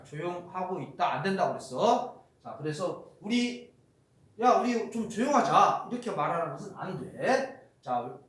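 Guy teaching grammar, says example sentences out loud, lots of ums, high voice, super echoey room. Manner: explains with spoken example sentences, many fillers. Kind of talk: recorded lecture.

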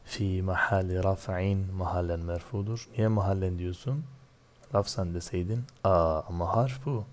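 A man teaching Arabic grammar, asking and answering his own questions, slowing down over each term. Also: deep voice, a little mellow. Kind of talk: grammar lesson, explaining line by line.

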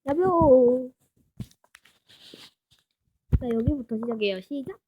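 Woman with a higher voice joking around while she plays a game, talks to herself a lot. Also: lively intonation, slow pace, dull audio, slight background noise. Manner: playful, chatty, talks to herself and viewers. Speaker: game streamer. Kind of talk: casual Minecraft parkour playthrough commentary.

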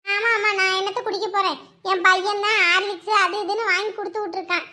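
A woman's voice: extremely high pitch, level tone, quick pace, sharp tone, exaggerated voice. A woman voicing a gossipy older village neighbour, rambling sympathetically. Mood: chatty.

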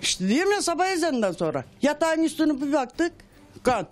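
Older woman, very high voice; emotional first-hand account told at home, dramatizes the quotes. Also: big pitch swings, moderate pace. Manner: acts out quoted dialogue in a raised voice. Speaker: widow interviewed at home. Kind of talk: emotional testimony.

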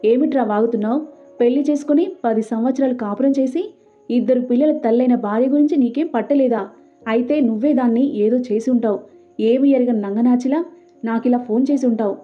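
A woman's voice: fairly high pitch, brisk, faint music behind, natural voice. Brief: blunt, hot-tempered brother-in-law, played by a woman narrator, tinny phone-like sound. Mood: accusing. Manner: blunt and accusing. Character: worried hot-tempered man, wife's elder brother.

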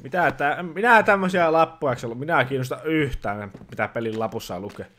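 A man talks through a let's-play in a grumbling, exasperated voice, scolding the game as he goes. His pitch sits in an ordinary middle range, and he plays a fed-up dad. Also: expressive, fairly bright tone. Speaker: gaming channel host playing a dad persona. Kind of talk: casual let's-play commentary.

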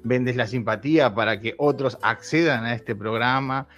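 A man's voice: medium pitch, normal speed, a bit bright. A Uruguayan man in his thirties, a YouTuber talking candidly in an interview, laughing often and restarting his sentences. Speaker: YouTuber guest. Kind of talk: casual interview chat. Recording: dull lo-fi sound with faint music.

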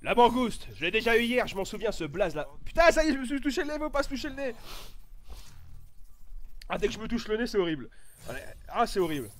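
A man doing casual gameplay commentary, excitable, swearing and shouting in bursts, with a stuffy, itchy nose. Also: high voice, fast, long pauses. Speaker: gaming YouTuber.

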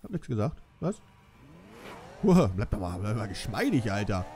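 A fairly low, dark-toned, very animated voice belongs to a young let's-play commentator teasing himself while racing in a game. He talks at normal speed, with game music, car sounds and slight background noise behind him.

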